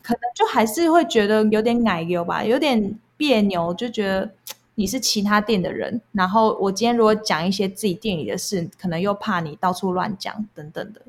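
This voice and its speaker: A young woman with a Taiwanese accent, appearing as a guest, casually and candidly recounts her past jobs in conversational storytelling. Her voice is mid-range and a little fast.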